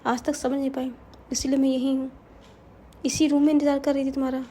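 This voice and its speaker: A murdered young woman's ghost pleads in a high, soft voice, stammering as she insists she did no harm, as a woman storyteller puts her on. The tone is mellow and dark. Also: little pitch movement, fast talker, natural voice. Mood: pleading.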